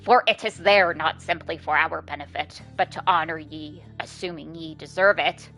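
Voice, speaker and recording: Woman voicing a slow, solemn old serpent crone. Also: sits low, bright, forceful tone, faint music behind, voice pushed down, poor audio. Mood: stern warning. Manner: slow, deliberate, archaic formal speech.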